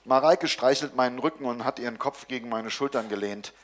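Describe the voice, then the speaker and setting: A man in his forties giving a comic live reading of his own novel, narrating in a dry, deadpan first person. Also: mid-range voice, fairly quick. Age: 40s.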